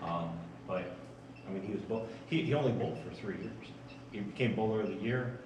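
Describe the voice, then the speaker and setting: A man chatting casually and haltingly, often repeating himself as he recounts things. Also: lowish voice. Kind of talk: casual chat. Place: large indoor bowling alley. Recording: echoey room, distant mic, noisy.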